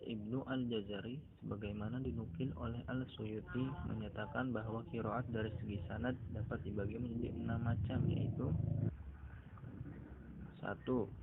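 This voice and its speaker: Young male student, gravelly low voice, phone-quality audio with audible background noise. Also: flat delivery, normal speed. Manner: plain scripted reading. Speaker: university student presenter. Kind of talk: read-aloud lesson narration. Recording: tinny phone-like recording with noise.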